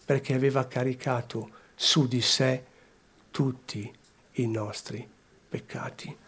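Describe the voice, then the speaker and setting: A man preaches a sermon slowly and deliberately, repeating phrases and swinging between hushed and raised delivery. His voice is medium-pitched and steady, with a breathy edge.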